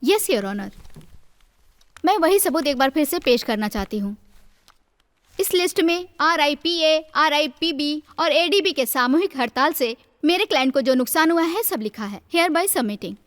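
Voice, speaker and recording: A formal courtroom lawyer. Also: female voice, high voice, animated, unhurried, big-room sound. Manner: formal, crisp courtroom delivery. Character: formal female lawyer presenting evidence. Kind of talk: Hindi film dub.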